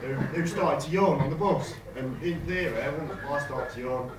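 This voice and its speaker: Casting: man doing amateur club stand-up, expressive delivery, heard from far back in a noisy venue. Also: fairly high pitch, moderate pace. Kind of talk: stand-up comedy to an audience. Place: dark comedy venue with an audience. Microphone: handheld stage microphone, filmed from the audience. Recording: distant, echoey, noisy audience camcorder recording. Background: audience laughter.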